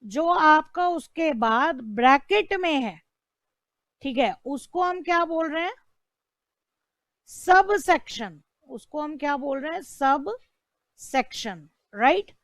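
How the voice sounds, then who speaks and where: A woman's voice: sits high, lively intonation, measured pace, a bit bright, no room sound. A woman teaching an online law lecture, asking rhetorical questions and repeating key terms.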